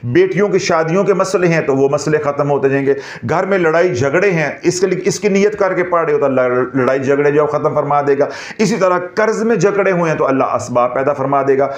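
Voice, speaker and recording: A man preaches in an animated way, his voice pitched a little high for a man. The recording is echoey and slightly dull, as if from a reverberant room. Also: brisk, hardly any pauses. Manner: animated, mixes in Punjabi phrases and humor. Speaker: Islamic spiritual teacher. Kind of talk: devotional lecture.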